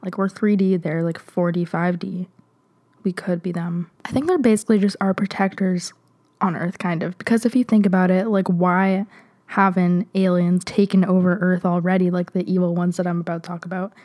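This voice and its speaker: A woman's voice: fairly low pitch, flat delivery, moderate pace, darkish tone. A young woman hosting a solo podcast, chatting casually with lots of "like" and giggles, her voice slightly nasal. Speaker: podcast host.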